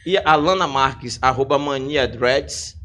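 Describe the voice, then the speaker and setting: A man's voice: medium pitch, unhurried, a bit bright. A man hosting a live podcast, joking and teasing while reading out viewer comments in casual chat. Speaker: podcast host.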